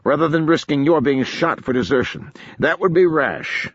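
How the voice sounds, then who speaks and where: A man voicing a lanky male soldier officer who speaks with dry, deadpan irony, in an audiobook. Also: fairly high pitch, normal speed, breathy edge, no room sound, lo-fi sound, voice pushed up. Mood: wry. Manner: deadpan, ironic.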